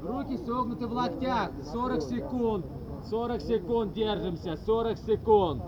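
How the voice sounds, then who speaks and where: Over traffic and crowd noise in a muffled outdoor recording, a man with a very high-pitched voice leads a group workout at a measured pace. He coaches like a gym bro, shouting short, commanding cues and counts that he repeats again and again.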